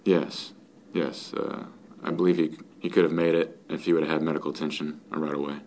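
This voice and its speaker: Flat-toned, formal male police investigator. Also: very deep voice, a little fast. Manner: formal, procedural police phrasing. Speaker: sheriff's investigator being interviewed. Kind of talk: factual interview account.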